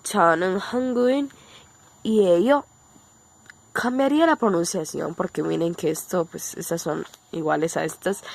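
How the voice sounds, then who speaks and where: A woman's voice: lowish voice, gravelly. A woman from Colombia with a Colombian Spanish accent, teaching a casual online language lesson and explaining step by step, often checking in with her viewers.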